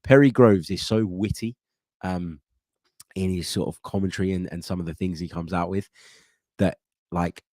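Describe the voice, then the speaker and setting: A football channel host chats casually through a match preview, thinking aloud with lots of fillers, restarts and frequent pauses. His low, darkish voice holds a steady tone at normal speed, and he sounds congested with a blocked nose. The recording is close and dry, with no room sound.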